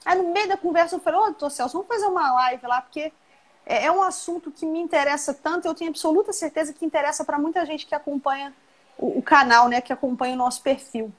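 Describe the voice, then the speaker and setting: A professor from Rio de Janeiro state, Brazil, who speaks with a Minas Gerais Portuguese accent, hosts a warm, casual live-stream interview over video call, chatty and affectionate. Her voice is high and she talks fast.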